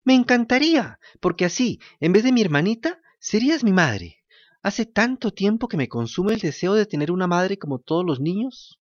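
A man voicing a cheeky, lazy wooden puppet boy in a high, childlike, pleading voice. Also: very animated, moderate pace, dry recording, dull audio. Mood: eager. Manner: high pleading childlike voice, stammers when moved.

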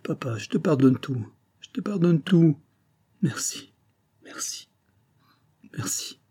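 A man's voice: medium pitch, moderate pace, dark tone, slightly rough, close to an everyday voice. A man voicing a tearful, tender young daughter. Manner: sobbing gratitude and reassurance.

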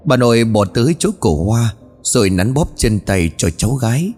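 A man's voice: medium pitch, expressive, moderate pace, a little mellow, breathy edge. A man narrating a ghost story in a scripted telling, speaking the characters' lines himself. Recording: long reverb with faint music.

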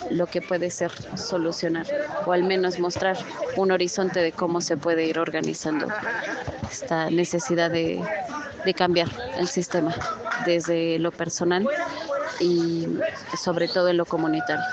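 Low, flat-voiced woman, earnest. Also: measured pace. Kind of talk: vox-pop interview. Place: outdoor community gathering. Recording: outdoor field recording with crowd.

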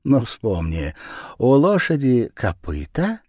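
A man's voice: medium pitch, wildly swooping pitch, slow, dry recording, studio quality, voice pushed up, full character voice. Man voicing a kind village schoolteacher woman. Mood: gentle coaxing. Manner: gentle, coaxing, raised voice. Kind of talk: storybook reading.

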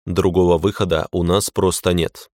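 Deep-voiced man narrating an audiobook. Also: little pitch movement, normal speed, a little mellow, no echo, studio quality. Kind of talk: scripted first-person narration.

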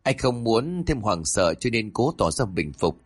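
A man narrating a ghost story with an animated reading manner. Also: on the low side, a little slow, slightly rough, dry recording.

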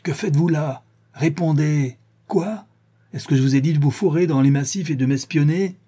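A man reading aloud and voicing a curt, imperious English detective who scolds with sharp questions. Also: mid-range voice, moderate pace, breathy edge, close to an everyday voice. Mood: scolding.

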